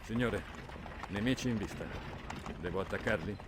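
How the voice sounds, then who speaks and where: Lowish deferential soldier played by a man. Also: moderate pace, lightly acted. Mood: alert, deferential. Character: deferential, alert male soldier. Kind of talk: video game voice acting. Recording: clear outdoor street noise behind.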